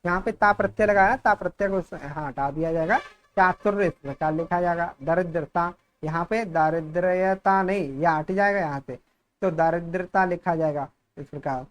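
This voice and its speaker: A man's voice: high-pitched, normal speed. A man teaching a grammar lesson for exam preparation, saying each word more than once in a dictating way. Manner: repeats each word, dictating-style explanation.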